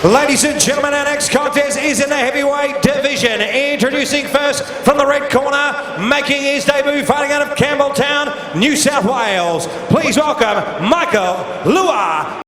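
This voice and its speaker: Male boxing ring announcer, very high and bright, ceremonial and projected, big echoing hall. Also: normal speed. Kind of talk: boxing ring announcing, formal introductions with drawn-out shouted names. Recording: echoey arena hall over PA.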